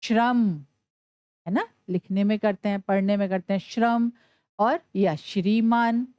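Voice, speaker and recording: A woman teaching a Sanskrit lesson to children, asking questions and answering them herself, spelling out letters slowly. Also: medium pitch, steady tone, warm tone, no room sound, dull audio. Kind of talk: classroom lesson.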